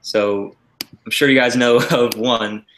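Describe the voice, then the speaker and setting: A man co-hosting a livestream in casual chat, relaxed and talkative, laughing often and using lots of filler words. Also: mid-range voice, slow, a little hiss or hum. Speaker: livestream co-host. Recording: roomy echo.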